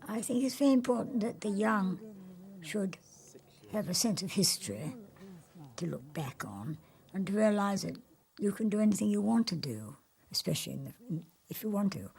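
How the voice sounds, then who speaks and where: A woman's voice: medium pitch, expressive, moderate pace, vocal fry, darkish tone. An older woman, president of a cadet unit, speaking earnestly and with emphasis in an interview.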